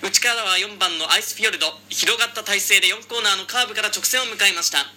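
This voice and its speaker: A man calling a horse race, rapid and building excitement toward the finish. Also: high-pitched. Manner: rapid, rising to a shout at the finish. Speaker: race caller.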